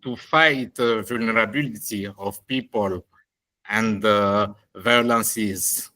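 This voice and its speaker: Slow, hesitant man, off-mic. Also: on the low side, sharp tone, recorded from a distance. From Uganda. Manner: slow and hesitant, many fillers. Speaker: NGO head.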